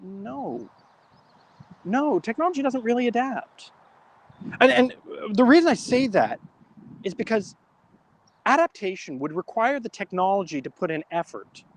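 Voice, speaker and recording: High-pitched and sing-song, this talk show host speaks at a measured pace with long pauses. Live on air, he chats loosely, corrects himself through many stumbles and restarts, and unspools a long joke in a relaxed way.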